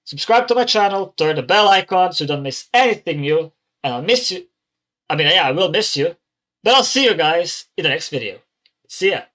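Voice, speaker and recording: A man hosts a reaction video, chatting and rambling over what he watches. He swears freely. His voice is bright and sits a little high. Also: expressive, fairly quick. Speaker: reaction channel host. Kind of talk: casual reaction commentary.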